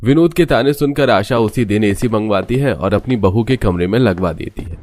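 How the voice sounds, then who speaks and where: Low-voiced male cartoon narrator. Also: normal speed, darkish tone. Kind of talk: scripted storybook narration.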